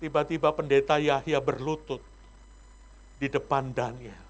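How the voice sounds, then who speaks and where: A male pastor preaching a sermon, acting out the voices of the people in his story with big swings in pitch. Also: fairly even intonation, measured pace.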